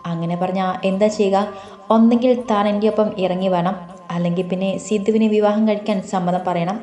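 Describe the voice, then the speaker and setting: A woman voicing a young man who is a steady office boss, calm, questioning and reassuring. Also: medium pitch, brisk, close to an everyday voice. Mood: firm. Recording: roomy echo, faint music.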